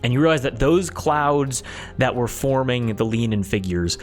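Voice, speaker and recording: Acting as game master for a tabletop game, a man improvises narration, frequently repeating and rephrasing himself. His mid-range voice is animated and moderately paced. Music plays in the background under his voice.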